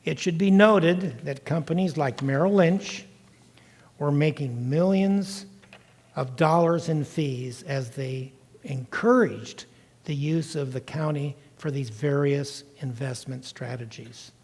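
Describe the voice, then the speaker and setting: Older male lecturer, slightly high-pitched voice, explanatory and emphatic, long hall reverb. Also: takes it slowly, a little mellow. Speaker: guest lecturer recounting time in county government. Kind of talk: public lecture, first-person account.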